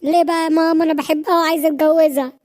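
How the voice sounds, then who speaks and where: A woman's voice: very high-pitched, flat delivery, rapid-fire, darkish tone. A woman voicing a stubborn young man in a cartoon, pleading and insisting with an Egyptian Arabic accent. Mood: insistent.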